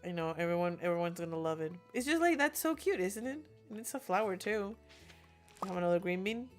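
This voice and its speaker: Soft music plays behind this young woman as she streams a game by herself in her room, speaking English as a second language. Her voice sits on the low side and is animated and brisk, and she giggles, chats and reads out messages from her chat.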